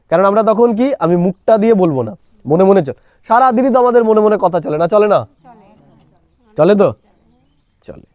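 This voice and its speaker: A man with a fairly high voice teaches a meditation class, pausing often to ask his listeners whether they have understood. He speaks into a small clip-on microphone. The sound is dry, with almost no room around it. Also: darkish tone, no echo. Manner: asks listeners rhetorical check-in questions. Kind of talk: spiritual class lecture. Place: small room, recorded on a mobile phone.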